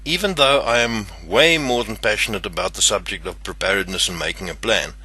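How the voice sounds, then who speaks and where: An older South African man with a South African English accent hosts his own channel, speaking to camera from a script. His voice is lowish, husky, pushed and bright, and a little fast, with an earnest, somewhat stiff delivery.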